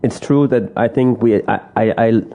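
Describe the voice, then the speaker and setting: Man, danish accent, gravelly, mellow, hesitant, casual chat. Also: mid-range voice, moderate pace, muffled recording. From Denmark. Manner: hesitant, many restarts and fillers. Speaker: interview guest.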